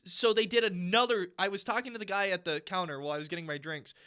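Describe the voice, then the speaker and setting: A man's voice: high voice, fairly even intonation, fast, bright, forceful tone, clear, resonant tone. A young man co-hosting a podcast, telling a story in a casual, profane and exasperated way. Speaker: podcast co-host. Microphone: podcast mic.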